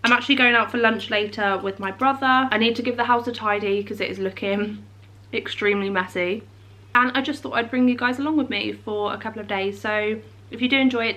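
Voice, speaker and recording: A young woman vlogging at home talks casually to the camera, her medium-pitched voice pushed and bright despite being congested and sniffly from a cold. She's a lifestyle vlogger whose chat rambles along.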